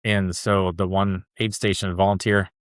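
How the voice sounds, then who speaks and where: Low-voiced man telling a story, chatty. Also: flat delivery, normal speed, no room sound, studio quality. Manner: loose and chatty, peppered with "like" and "dude". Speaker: podcast guest, ultra runner. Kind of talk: casual storytelling interview.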